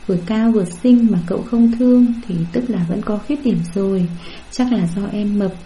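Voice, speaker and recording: A woman's voice: medium pitch, normal speed, warm tone, a little hiss or hum, close to an everyday voice, low-quality recording. Woman reading as a sulking young wife. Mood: sulky. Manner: sulky and self-pitying. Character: hurt young wife, sulking and self-reproaching.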